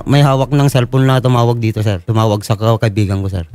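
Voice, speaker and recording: A man's voice: medium pitch, level tone, fast, warm tone, no room sound. A man, a relative of a victim, speaking with emotional urgency. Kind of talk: studio testimony.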